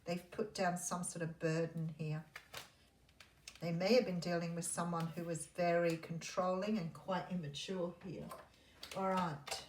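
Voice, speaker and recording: A woman with a fairly low voice delivers a mystical horoscope reading over tarot cards. She muses intuitively and pauses between thoughts. The recording is noticeably roomy, with a faint noise underneath. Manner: intuitive, musing, pausing as cards are turned. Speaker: tarot reader.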